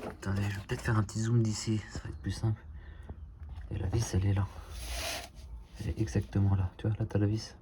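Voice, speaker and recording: A man speaks low and easy into a phone while working on his car. He jokes, swears at every turn, and talks without pause. Faint noise and tool clicks sit under the voice. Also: flat delivery. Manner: joking, swears a lot, talks nonstop. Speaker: DIY car repair vlogger. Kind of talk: casual chatty self-filmed video. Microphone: phone camera.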